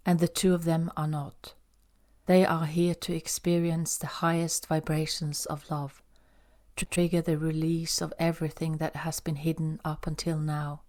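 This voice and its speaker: A woman narrating an audiobook in a calm, even storytelling manner. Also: deep voice.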